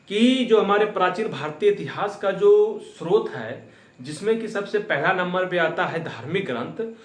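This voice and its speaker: High-voiced man teaching in an echoey room. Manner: repetitive quizzing, asks and answers own questions. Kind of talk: exam-prep history lesson.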